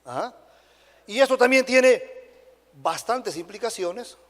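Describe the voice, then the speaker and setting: At normal speed and with a high-pitched voice, a pastor preaches with energy in a church sanctuary, his Dominican Spanish accent clear. Frequent tag questions like "right?" reach out to the congregation, all wrapped in long hall reverb.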